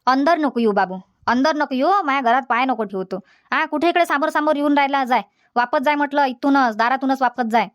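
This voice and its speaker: Cartoon: woman voicing an elderly village mother, high, sharp-tongued, stubborn. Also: brisk, natural voice. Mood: scolding. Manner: scolding, repetitive, dismissive. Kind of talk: cartoon comedy dialogue.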